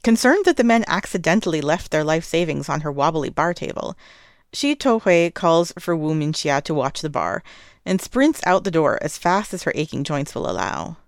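Woman storyteller, low and expressive, dry close recording. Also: normal speed, vocal fry, no echo. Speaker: narrator. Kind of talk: audiobook narration of fan fiction.

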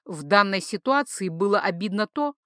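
A woman reading an audiobook narration in a lively, expressive way. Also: medium pitch, moderate pace, no echo, studio quality.

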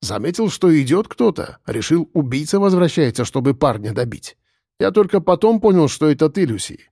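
A man reading an audiobook, voicing a calm man who answers quietly, almost in a whisper. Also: fairly high pitch, brisk, slightly rough, no echo, clean studio sound, pitched above the performer's own voice, exaggerated voice. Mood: hushed. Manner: soft, hushed, even. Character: calm, quiet southern man under suspicion.

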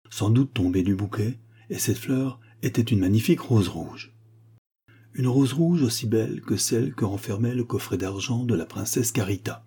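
A man reading a novel aloud as audiobook narration, measured and storytelling. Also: lowish voice, warm tone, husky. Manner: measured storytelling with acted quotes. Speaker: audiobook reader. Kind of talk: scripted narration.

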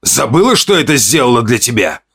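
Give me a man playing a furious injured young tribesman who yells at a high pitch. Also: sing-song, brisk, husky, heavily acted. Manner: shouting, shrill.

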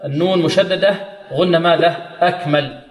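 A man teaching Quran recitation rules, quizzing his students with questions and chanting verses slowly to demonstrate. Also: fairly high pitch, fairly even intonation. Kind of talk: tajweed lesson with chanted recitation. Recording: echoey hall.

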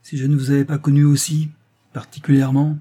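A man reading aloud voices a stern doctor, speaking with grave, calm authority. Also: on the low side, normal speed, husky. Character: stern calm male doctor, family friend.

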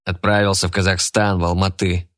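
A man's voice: low voice, little pitch movement, a little fast, a bit bright. Man doing a curt, cool getaway driver.

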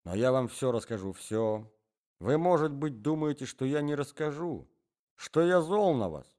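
Man doing a flustered pleading gentleman. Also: medium pitch, expressive, moderate pace, voice pushed up, close to an everyday voice. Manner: anxious, imploring, formal phrasing. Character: flustered middle-aged gentleman, pleading and fussy.

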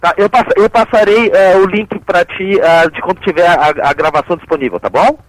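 Male radio host, hesitant filler-heavy delivery, playful; voice sits slightly high. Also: brisk, low-quality recording. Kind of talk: radio interview.

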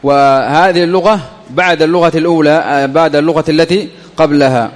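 A man's voice: fairly high pitch, steady tone, fast talker, big-room sound. A man teaching an Arabic grammar lesson. He reads from a text, asks his students questions and repeats points as he explains them. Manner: reads a passage, then explains it with questions and repetition.

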